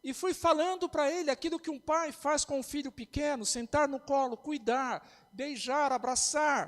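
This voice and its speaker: Brazilian pastor guy, really high voice, impassioned sermon, long hall echo. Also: moderate pace, fairly bright tone. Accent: Brazilian Portuguese. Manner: impassioned preaching.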